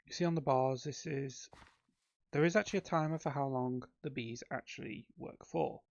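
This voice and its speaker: A man's voice: mid-range voice, moderate pace, no room sound, highs cut off. A man giving casual, rambling commentary on his own gameplay, with frequent ums and self-corrections. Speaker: let's play host.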